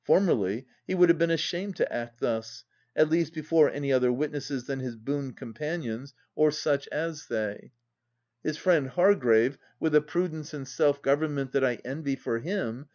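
A man narrating a classic novel as an audiobook reader, in a measured, dramatic reading. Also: fairly high pitch, dark tone, muffled recording. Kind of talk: scripted narration.

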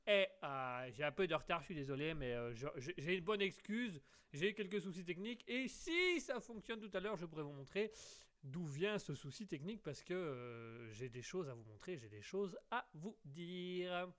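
A man's voice: on the high side, lively intonation, normal speed, a bit bright. A man with a slight English accent hosting a live call-in radio show, playful, rambling and theatrical. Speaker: radio host.

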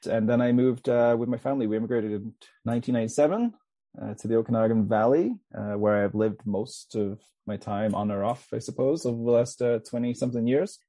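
A man's voice: medium pitch, fairly quick, warm tone, dry recording. A man in his forties from England with a mostly Canadian accent, talking in a chatty, rambling way as a guest author on a podcast. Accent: Canadian, with faint Mancunian traces. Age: 40s. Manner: chatty, rambling, with frequent restarts and laughs. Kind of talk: casual podcast interview.

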